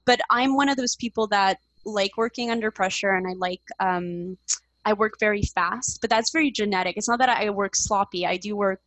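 A woman's voice: medium pitch, moderate pace, a bit bright, no room sound, poor audio. A woman guest on a podcast interview, talking in a chatty, upbeat way with lots of fillers. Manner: chatty, upbeat, many fillers like "like" and "um", laughs often.

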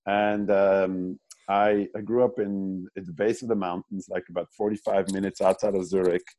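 A man's voice: low-pitched, little pitch movement, moderate pace, dark tone, low-quality recording. A man from German-speaking Switzerland, an animator guest in a casual interview, who talks in a rambling way with many restarts and fillers.

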